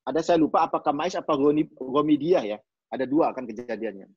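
Husky East Javanese man teaching hadith. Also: a little high, fairly quick, no echo. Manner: conversational, repeats key phrases, often addresses listeners as "Pak". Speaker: religious teacher. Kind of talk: hadith study lecture. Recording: dull lo-fi recording.

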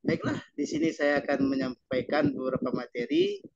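A man's voice: a little high, wildly swooping pitch, normal speed, gravelly, darkish tone, no echo. A young man, a trainee, hesitantly starting a practice speech with many fillers, heard over dull lo-fi call audio. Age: young adult.

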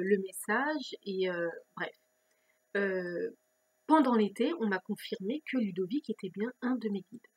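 A woman vlogger telling a personal story in a chatty, self-mocking way, laughing often and dropping into soft whispered asides. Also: mid-range voice, breathy edge. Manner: restless, repeating questions and restarting phrases. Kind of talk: casual personal storytelling to camera.

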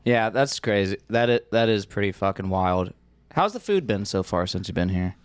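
A man chats as a podcast co-host. His voice is smooth and clean, recorded dry. He tells stories casually, with plenty of slang and swearing. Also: on the low side, expressive, normal speed, dry recording. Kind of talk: casual profane podcast banter.

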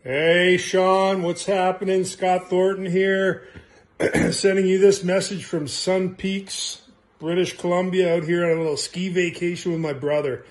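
High-voiced easygoing man. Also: level tone, measured pace. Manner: easygoing, chatty. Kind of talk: casual recorded birthday greeting.

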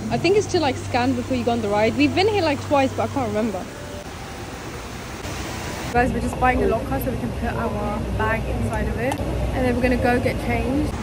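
A woman's voice: on the high side, heavy background noise. A woman casually vlogging a trip, chatty and rambling with lots of fillers. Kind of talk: casual vlog chat.

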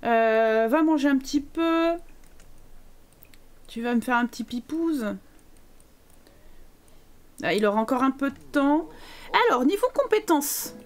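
A woman's voice: high-pitched, animated, a little slow, long pauses. A woman streaming a life-sim game live, chatting playfully to her characters and thanking viewers as she goes. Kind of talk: live gameplay commentary.

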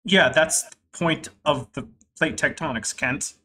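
In a casual livestream from home, a young host chats wryly and reads super chats aloud to viewers. His voice is on the high side, bright and forceful, delivered at a measured pace.

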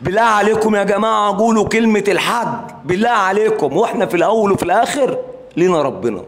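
A man's voice: sits high, expressive, fast talker. A man making an impassioned, repetitive plea in a live interview. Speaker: interviewee, brother of a singer.

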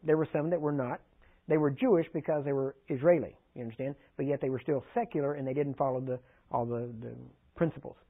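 Preacher on a tinny line. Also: male voice, mid-range voice, steady tone, fast talker. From Texas. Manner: conversational, asks the audience frequent check-in questions. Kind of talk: sermon teaching. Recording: tinny phone-like archive recording.

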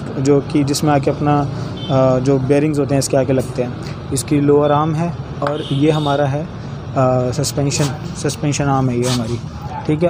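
A young man in his twenties hosting a casual vlog, walking viewers through car parts step by step with some hesitation. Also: fairly high pitch. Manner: hesitant, pointing things out step by step. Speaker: channel host explaining car mechanics. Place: outdoor garage workshop. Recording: street and vehicle noise behind.

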